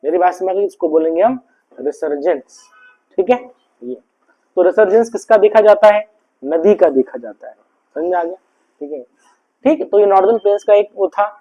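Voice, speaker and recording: A man's voice: high-pitched, normal speed, pauses often, warm tone, highs cut off. A man giving a classroom lecture, mixing in English terms and keeps asking if the students have understood. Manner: mixes English terms into explanations. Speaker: teacher.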